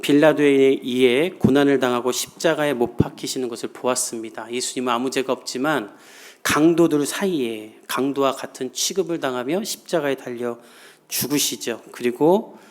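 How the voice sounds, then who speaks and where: A man's voice: medium pitch, normal speed. A male pastor delivering a sermon, building in intensity and briefly voicing the mockers he quotes. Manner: preaches with rising intensity, acting out quoted mockers.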